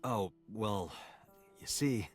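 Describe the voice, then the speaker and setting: A woman putting on a deep gruff male detective. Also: animated, extremely slow, darkish tone, faint music behind, heavily acted. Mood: curt.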